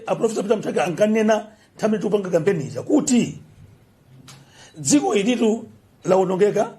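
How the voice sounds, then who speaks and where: A man's voice: sits high, mellow. A man with a Malawian accent making an appeal to the public in short phrases at a political briefing. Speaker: government official. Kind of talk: political address at a press briefing.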